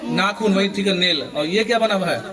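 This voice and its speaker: A man's voice: high voice, fairly quick. A male schoolteacher, leading a morning assembly lesson and quizzing students for chorus answers. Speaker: school teacher. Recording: children's crowd audible behind.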